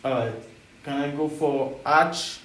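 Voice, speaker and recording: A man's voice: a little high, slow pace, fairly bright tone, recorded from a distance, a little hiss or hum. Blunt, impatient man in an echoey room. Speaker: learner quizzing an AI. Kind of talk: casual chat.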